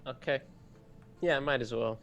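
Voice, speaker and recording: A man's voice: mid-range voice, moderate pace, a bit bright, soft background music. Dry, joking man playing a tabletop game. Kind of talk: casual chat.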